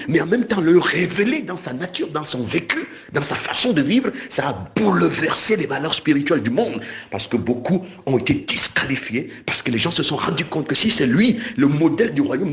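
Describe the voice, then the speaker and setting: A man from Cameroon, preaching a recorded sermon with animated delivery, repeating and restarting words and slowing down for emphasis. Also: medium pitch.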